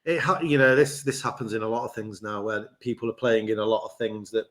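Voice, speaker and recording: A man co-hosting a sports podcast, relaxed and laughing at his own stories. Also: on the low side, fairly quick. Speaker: podcast co-host. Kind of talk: casual podcast chat.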